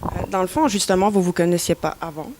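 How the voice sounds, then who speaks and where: A woman's voice: fairly low pitch, fast. Woman interviewer from Belgium, casual delivery, faint background hiss. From Mons, Belgium. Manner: casual questioning with fillers. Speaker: journalist interviewer. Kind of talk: interview questions.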